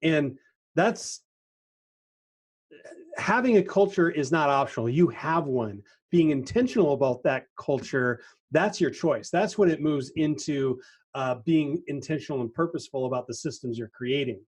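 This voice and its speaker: A man hosting a casual interview, reflecting thoughtfully with pauses and fillers. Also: fairly high pitch, animated, husky. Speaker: podcast host.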